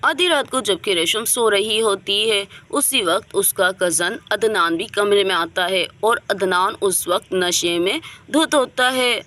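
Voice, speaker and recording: A woman narrating a doll story in a steady, plain storytelling manner. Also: mid-range voice, measured pace, hardly any pauses.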